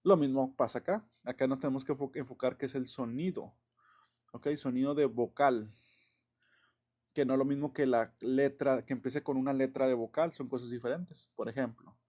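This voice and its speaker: A man's voice: mid-range voice, fairly even intonation, moderate pace, mellow. A man explaining English grammar in a loose, chatty way, with many fillers, self-corrections and small chuckles. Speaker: English teacher. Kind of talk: casual classroom explanation.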